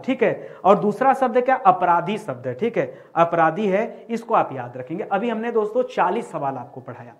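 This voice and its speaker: Guy teaching grammar for exams, keeps repeating words and asking the class questions. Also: high-pitched. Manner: repeats key words, quizzes students with rhetorical questions. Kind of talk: exam-prep grammar lesson.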